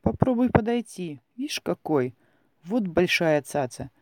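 A man's voice: high voice, very animated, a little slow, a little mellow, no room sound, studio quality, heavily acted. A man voicing a stubborn, grumbling old Cossack villager who mutters indignantly to himself.

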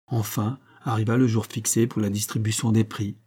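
A man narrating a classic short story in a measured, expressive storytelling manner. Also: fairly low pitch, breathy edge. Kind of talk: literary audiobook reading.

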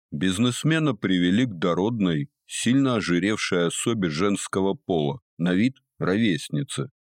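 A man with a very deep voice reads the narration of an audiobook at an even, measured pace. The sound is dry and close, with no room around it. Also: dry recording. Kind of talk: scripted narration.

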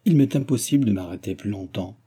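A man's voice: on the low side, expressive, fast, mellow, husky. A man voicing a reserved young heiress in an audiobook, speaking in a polite, cool and firm way.

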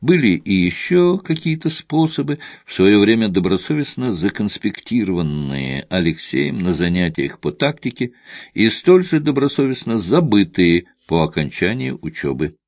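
A man reading a thriller audiobook aloud in a measured, tense narrating style. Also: fairly low pitch, sing-song, a little mellow, dry recording, studio quality. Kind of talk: dramatic scripted narration.

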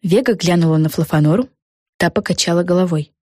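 A woman reading a children's storybook aloud with an expressive, even delivery. Her voice sits a little low and sounds dry and close to the mic. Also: a little fast, no echo. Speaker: audiobook narrator. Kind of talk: storybook narration.

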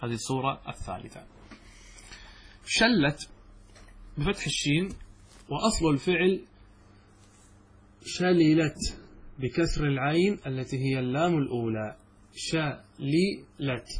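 Husky man teaching a grammar lesson. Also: a little high. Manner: explains step by step, asks the students questions and answers them himself. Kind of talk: classroom lecture.

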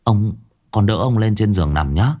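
A man's voice: fairly low pitch, lively intonation, moderate pace, warm tone. A man voicing an anxious young male household servant who stammers and pleads with his master. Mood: worried.

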